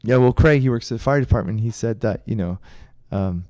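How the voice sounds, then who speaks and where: A man's voice: medium pitch, a little fast, warm tone, dry recording, studio quality. A middle-aged man co-hosting a karate podcast, telling a story in a rambling, casual way with restarts. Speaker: podcast co-host, karate instructor. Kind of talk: casual chat.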